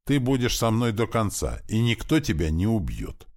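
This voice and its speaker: A man reading the lines of an unstable young prince, hushed and sinister in manner. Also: fairly low pitch, very animated, normal speed, voice pushed up. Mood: unhinged. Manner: hushed, turning from pleading to sinister.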